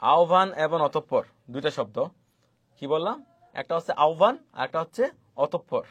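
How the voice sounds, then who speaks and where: A man's voice: a little high, animated, normal speed, slightly rough, no echo, muffled recording. A man teaching pronunciation rules, repeating each point and quizzing his students. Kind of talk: fast spoken online lesson on pronunciation rules.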